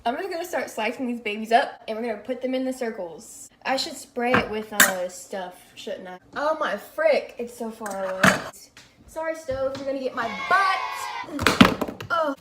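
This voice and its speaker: A woman's voice: a little high, expressive, moderate pace, echoey room. A young woman vlogging in a home kitchen, chatting casually in a joking, self-mocking way into the camera mic. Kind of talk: casual chat. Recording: loud clicking noise in background.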